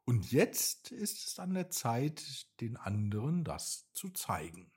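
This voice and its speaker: A man's voice: mid-range voice, very animated, husky, heavily acted. A man voicing a cheerful, wise old male fox who gives advice in a bedtime story reading. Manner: warm-hearted, advising, unhurried.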